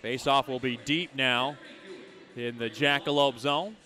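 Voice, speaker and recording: A man's voice: mid-range voice, steady tone, measured pace, sharp tone. A man giving live hockey commentary as play-by-play announcer, describing the action in short, clipped phrases.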